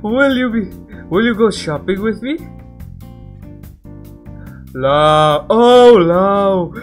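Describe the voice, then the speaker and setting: Guy putting on a big excitable tiger spirit for a game, loud and stammery, highish, music behind. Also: heavily acted. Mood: eager, bashful. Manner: loud, exclaiming, halting. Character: big eager, bashful male guardian tiger spirit.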